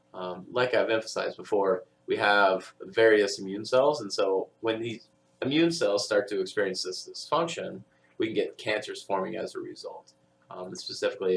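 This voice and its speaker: A man's voice: low-pitched, vocal fry. A man giving a recorded audio lecture in a conversational way, with many fillers and tag questions.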